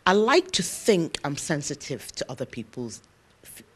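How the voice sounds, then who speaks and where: A woman lecturer answering interview questions in an earnest, emphatic way, often pausing with "um" as she thinks aloud. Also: deep voice, very animated, breathy edge. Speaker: interview guest, university lecturer.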